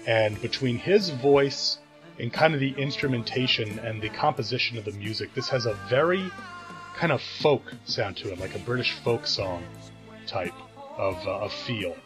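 A man's voice: medium pitch, moderate pace, over music. A man co-hosting a podcast, talking through an album thoughtfully with many restarts and fillers. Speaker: podcast co-host. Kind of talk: casual album discussion.

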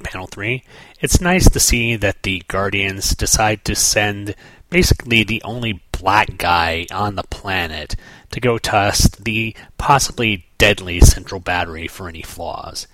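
A man's voice: lowish voice, measured pace, bright, forceful tone, a little hiss or hum. A man hosting a podcast, reviewing a comic book page by page in casual commentary with wry, sarcastic asides.

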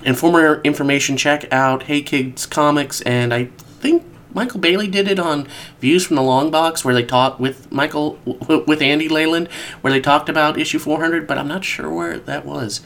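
A man's voice: on the high side, normal speed, creaky. A man from the American Midwest hosting a casual podcast, stuffed up from a cold, rambling and correcting himself as he goes. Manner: rambling, animated, self-correcting. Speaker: podcast host.

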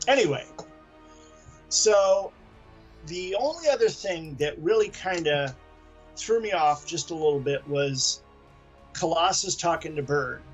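Male podcast co-host, casual comics chat, rambling, higher-pitched. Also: expressive, measured pace, long pauses, faint music behind. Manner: chatty, rambling with restarts.

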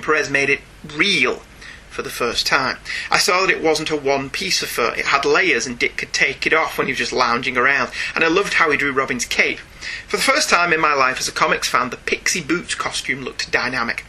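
The recording is low quality, carrying a husky, mid-range male voice with a Northern English accent. He is a podcast host from northern England running a casual comics podcast, reading listener emails with animated, jokey asides and digressions.

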